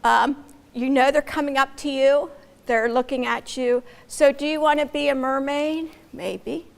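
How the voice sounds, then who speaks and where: American woman with a slightly high voice coaching students. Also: steady tone, unhurried, vocal fry. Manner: conversational, with fillers and acted example lines. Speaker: presenter giving poster tips. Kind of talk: casual workshop talk. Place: echoey room. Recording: echoey room.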